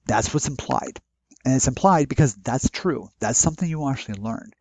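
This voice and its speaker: A man's voice: medium pitch, lively intonation, fairly quick, a little mellow, no room sound. A man who teaches nursing, giving a casual orientation voiceover with many fillers and restarts. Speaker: nursing instructor.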